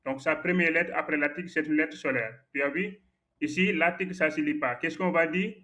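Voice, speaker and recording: A man with a fairly high, bright voice and a forceful tone teaches a Quran recitation lesson at a brisk pace. He hesitates often but patiently corrects a student's errors and repeats the right forms.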